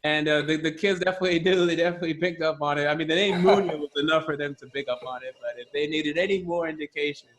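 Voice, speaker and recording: Relaxed young man, casual chat. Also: a little high, fast talker, few pauses. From Zimbabwe, raised in Tennessee. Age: young adult. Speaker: guest, student entrepreneur.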